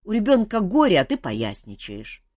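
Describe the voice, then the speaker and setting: A woman voicing a gruff, curt grown man who grumbles his short replies. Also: mid-range voice, wildly swooping pitch, moderate pace, a little mellow, no echo, pitched above the performer's own voice.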